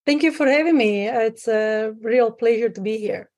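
A woman from Sicily, a guest on a call, talking through her past with many pauses and fillers. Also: on the high side, a little mellow. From Sicily, Italy. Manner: hesitant, many fillers, restarts. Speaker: guest, private lender. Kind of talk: conversational interview. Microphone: remote call.

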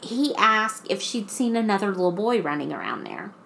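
A woman co-hosting a podcast, telling a creepy story in casual chat with drawn-out, restarting phrases. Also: medium pitch, big pitch swings, creaky, a bit bright, slight background noise. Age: adult mother. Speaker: podcast co-host.

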